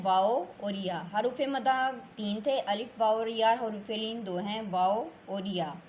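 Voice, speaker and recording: A woman teaching Quran reading in a slow, patient lesson. She draws out her words and repeats syllables so learners can follow. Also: medium pitch, a little hiss or hum.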